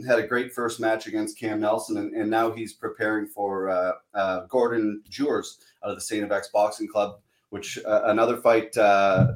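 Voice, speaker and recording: Male podcast host, hungover and informal, halting with uhs, mid-pitched, echoing room. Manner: informal, hesitant, frequent uhs. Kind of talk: casual podcast hosting. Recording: roomy, echoing sound.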